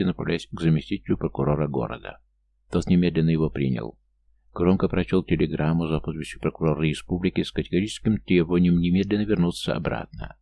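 A man reading a novel aloud as an audiobook narrator, in an even, measured storytelling manner. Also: rumbling low, vocal fry. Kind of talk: scripted narration.

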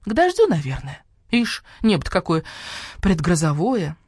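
A woman's voice: fairly low pitch, wildly swooping pitch, moderate pace, darkish tone, breathy edge, no room sound, clean studio sound, full character voice. A woman voicing a large, timid female pig who frets anxiously and keeps sinking into a whisper. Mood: fretful. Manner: anxious, often dropping to a whisper. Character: plump timid female pig, fearful and fussy.

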